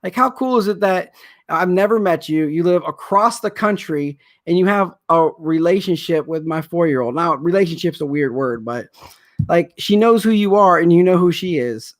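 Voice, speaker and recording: A man's voice: on the high side, moderate pace. A man in his thirties hosting a sports card livestream, rambling and emotional in casual chat. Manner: rambling, emotional, repeats himself. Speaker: sports card breaker host.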